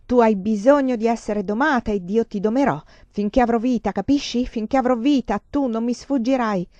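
A desperate, possessive suitor, voiced by a woman reading aloud, who pleads and commands in an impassioned storybook voice. The voice sits fairly high. The recording is dry and a little dull, with no room sound. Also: brisk, dark tone, dry recording, close to an everyday voice. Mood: commanding.

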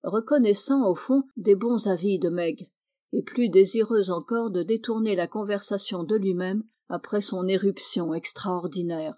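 A woman narrating a classic novel aloud, calm and measured. Her voice is warm and mellow, sitting at a middle pitch. The reading flows steadily. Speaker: narrator, audiobook reader. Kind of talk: literary audiobook reading.

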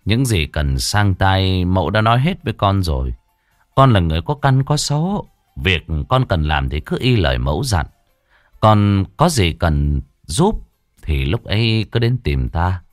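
A calm, wise male spirit medium, as a storyteller voices him, speaking in a low, measured, unhurried way. The recording is dry and close, with faint music underneath. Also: dry recording.

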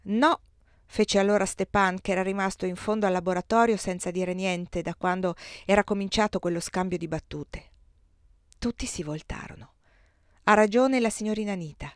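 A woman reading a novel aloud as an audiobook, with measured, expressive narration. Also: fairly low pitch, clean tone, no room sound, studio quality. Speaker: audiobook reader.

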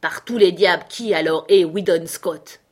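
A woman reading aloud, voicing a rough, blustering man who swears in surprise. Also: mid-range voice, normal speed, darkish tone, lightly acted. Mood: gruff. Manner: gruff and swearing.

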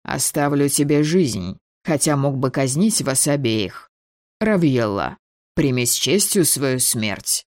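A cold, domineering man, as a reader puts him on issues slow commands in a storybook reading, set a little lower than the narration and held back. The voice is dry and close. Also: lively intonation, darkish tone, no room sound. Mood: commanding. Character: cold, domineering older man, ruthless father. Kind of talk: audiobook character voicing.

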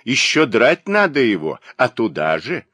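A man voicing a spiteful, gossiping old spinster woman with a shrill, mocking manner in an audiobook. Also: wildly swooping pitch, measured pace, bright, forceful tone, no echo, full character voice. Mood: scornful.

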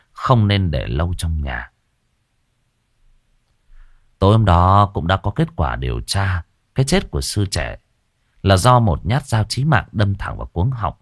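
A man narrating a ghost story in a low voice that swings widely for suspense and drama. The recording is dry and close, with no room sound around him. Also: no room sound.

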